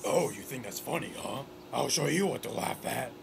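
A man voicing a gruff, boastful masked vigilante in a fan-made cartoon, blunt and brooding. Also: medium pitch, lively intonation, moderate pace.

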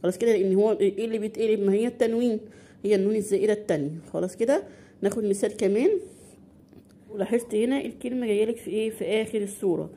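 With a warm, slightly rough mid-range voice and an Egyptian accent, a woman teaches beginners Quran recitation. She asks questions, answers them herself, and lingers slowly over example words.

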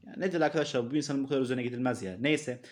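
A man's voice: mid-range voice, rapid-fire. A man who runs a horse racing tips channel, ranting in an agitated, repetitive, scolding way at critics among his viewers. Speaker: horse racing tipster YouTuber. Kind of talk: angry rant to viewers.

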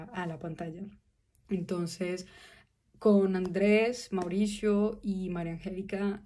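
A woman in her twenties with a Colombian Spanish accent, speaking to camera from a small room about her film project, earnest and thoughtful, with pauses and restarts. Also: on the low side, mellow. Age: 20s. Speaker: film student pitching her short film. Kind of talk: direct-to-camera appeal. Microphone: phone camera at arm's length.

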